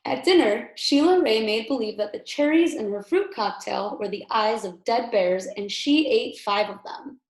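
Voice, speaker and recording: A kindergarten teacher reads a storybook to young children, expressive and emphatic, adding explanatory asides along the way. Her voice is on the high side, at a normal speed with hardly any pauses, in an echoey room.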